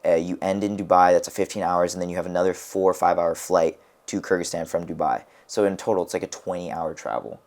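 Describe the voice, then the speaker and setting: Deep-voiced with a darkish tone, this young US podcast co-host and wrestler talks fast with hardly any pauses and fairly even intonation. His casual stories ramble, full of restarts and constant "like".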